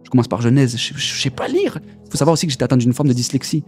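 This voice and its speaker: Rapid-talking young man, slangy testimony. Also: mid-range voice, lively intonation, darkish tone, soft background music. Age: young adult. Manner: rushed, slangy storytelling with many repeats. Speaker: guest giving a testimony. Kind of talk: casual spoken testimony.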